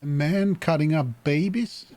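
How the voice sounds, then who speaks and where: A man's voice: fairly high pitch, a little slow, darkish tone, no echo. A man commenting on gameplay as he plays, joking, reacting and swearing freely. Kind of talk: let's play commentary. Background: game music.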